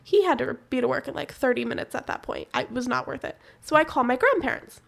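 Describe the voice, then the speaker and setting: A young woman co-hosting a podcast, telling a story casually with animated, profane, laughing energy. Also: high voice, quick pace, vocal fry. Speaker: podcast co-host.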